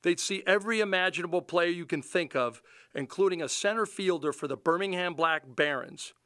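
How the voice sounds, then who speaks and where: A middle-aged man reporting a news sports feature and chatting in a TV studio, energetic and emphatic. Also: sits high, a little fast, smooth, no room sound.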